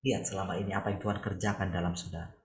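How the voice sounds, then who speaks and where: Pastor, male, gravelly, conversational sermon on a video call, soft to raised. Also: low-pitched, level tone, very fast, a little hiss or hum. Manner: conversational preaching, rhetorical questions, shifts between soft and raised voice. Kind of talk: morning devotional sermon over video call.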